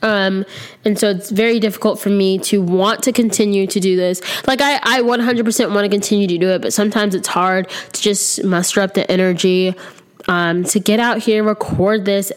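A podcast host in her twenties talks alone in a casual, candid, rambling way with many ums, positioned close to the microphone. A slight illness makes her a little nasal. She speaks at a moderate pace with a medium pitch and steady tone.

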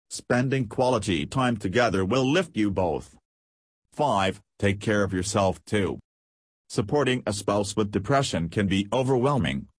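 A man reading scripted advice as a steady, numbered list. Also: on the low side, breathy edge, no room sound. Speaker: narrator. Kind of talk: scripted narration.

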